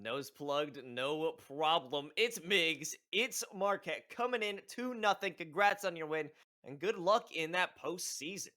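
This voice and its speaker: A man with a high, bright voice hosts an esports broadcast. He speaks in a casual, conversational interviewing style with a forceful edge. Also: measured pace.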